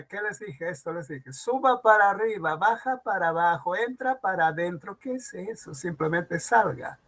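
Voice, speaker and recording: A male teacher with a husky, gravelly voice pitched a little high. He talks slowly, stretching out example words and throwing rhetorical questions at his class during a grammar lecture. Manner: slow, drawn-out emphasis on example words, rhetorical questions to students.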